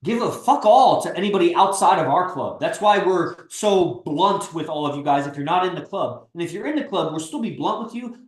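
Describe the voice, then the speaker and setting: Male host, 30s, blunt persuasive pep-talker, slightly high-pitched, roomy sound. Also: lively intonation, brisk, hardly any pauses. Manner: blunt, persuasive, swears freely. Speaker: stream host and coach. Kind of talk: casual livestream pep talk.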